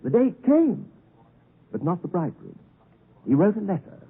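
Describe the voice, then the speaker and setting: A husky, high-pitched young man performs in a 1950s radio drama, playing a genteel, tactful, cheerful young London gentleman. His delivery is animated and heavily acted at a moderate pace, and his manner is genial, courteous, mannered, and digressive. The recording is a tinny, muffled 1950s radio broadcast.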